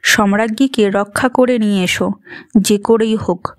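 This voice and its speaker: A woman's voice: mid-range voice, steady tone, normal speed, no echo, studio quality, natural voice. A woman voicing a stern, domineering stepmother queen who scolds and commands. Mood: scolding.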